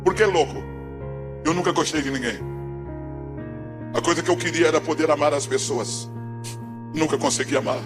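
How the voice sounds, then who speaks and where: A man from Pernambuco, giving a dramatic testimony sermon in a church, swinging between hushed and shouting. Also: a little high, normal speed, long pauses, over music. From Pernambuco, Brazil.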